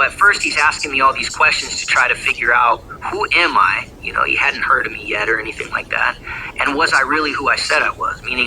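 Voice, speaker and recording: A man's voice: medium pitch, pushed and bright, slight background noise, rough recording. A man telling his own story in a casual, rambling way, heavy on slang and swearing. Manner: profane, slangy, rambling with fillers. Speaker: former gang member telling his story.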